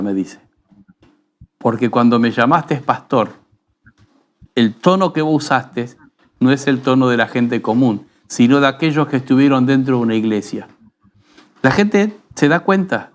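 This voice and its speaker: Argentine pastor teaching in an unhurried tone. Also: male voice, medium pitch. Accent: Rioplatense Spanish. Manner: unhurried, teaching tone with frequent rhetorical tag questions. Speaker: pastor and radio program host. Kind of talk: conversational preaching.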